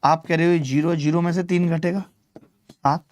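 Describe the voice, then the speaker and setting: A man's voice: fairly high pitch, fairly even intonation, moderate pace, darkish tone. Male maths tutor for a live class. Chatty, teases students by name, explains step by step. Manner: explains step by step, repeats key numbers. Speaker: maths teacher.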